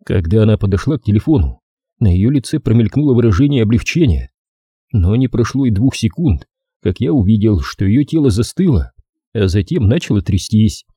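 Male audiobook narrator, lively ironic reading, very dark mellow tone, husky, dry close sound. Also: on the low side, no echo. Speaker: audiobook reader. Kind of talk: scripted narration.

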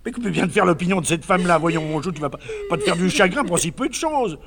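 A man's voice: sits high, lively intonation, quick pace, a crowd in the background. Sweet clueless man fussing over his love, chattery, old 50s stage play, voice jumps all over. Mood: consoling. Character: doting, fussy, naive middle-aged man. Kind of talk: 1950s recorded stage comedy.

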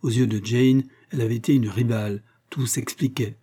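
Male audiobook narrator, dark husky tone, measured reading of a classic novel. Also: mid-range voice, fairly even intonation.

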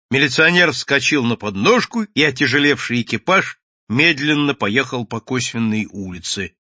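A man narrating an audiobook in a theatrical, expressive reading. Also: medium pitch, dry recording. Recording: dull lo-fi recording.

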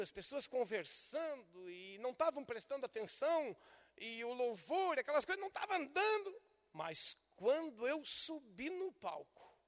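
An older man, a pastor preaching a sermon and swinging from soft to loud. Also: high-pitched. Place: church service. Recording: long hall reverb from a church.

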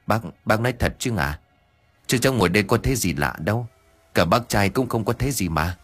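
A man's voice: fairly low pitch, expressive, fairly quick, fairly bright tone, breathy edge, dry recording, faint music behind. A man voicing a nervous young man who stammers and repeats words when scared. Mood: uneasy. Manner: stammering, jittery.

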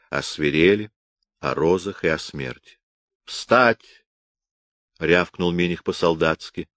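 A man's voice: low-pitched, no echo, clean studio sound. A man narrating a historical novel aloud, raising his voice to act out the dialogue. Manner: reads dialogue with raised, forceful voices. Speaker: audiobook narrator.

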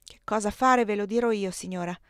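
A woman's voice: medium pitch, a little fast, no echo, close to an everyday voice. A resolute young serving woman, urgent and determined as she pleads her case, voiced by a woman reading aloud. The voice sits in a mid range, recorded dry and close.

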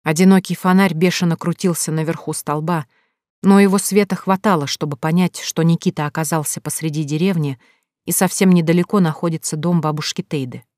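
Calm low-voiced woman narrator. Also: a little fast, no echo, studio quality. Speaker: audiobook narrator. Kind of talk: scripted narration.

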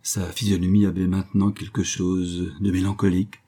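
Brief: male audiobook narrator, husky and dark-toned, measured literary reading. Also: sits low, little pitch movement.

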